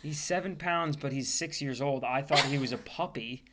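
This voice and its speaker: A man in a casual co-hosted podcast who talks in a loose, rambling way. He is full of fillers and restarts, and his voice sits at an everyday middle pitch. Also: moderate pace, noisy background. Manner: rambling, laid-back, with lots of fillers. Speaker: podcast co-host. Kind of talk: casual chat.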